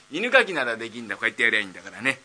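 A man voicing a dim-witted idle young man nearly thirty, rambling slowly in rakugo storytelling. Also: mid-range voice, big pitch swings, bright, forceful tone, exaggerated voice.

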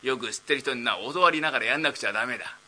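A man voicing a blunt, gruff middle-aged uncle, in rakugo storytelling. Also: medium pitch, racing, pushed and bright. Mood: lecturing. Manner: blunt scolding.

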